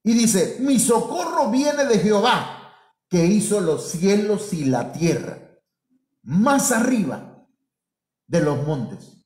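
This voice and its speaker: Lively pastor preaching in a roomy hall. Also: male voice, sits high, slow, long pauses. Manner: preaching with rhetorical questions and dramatic quotes. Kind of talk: sermon.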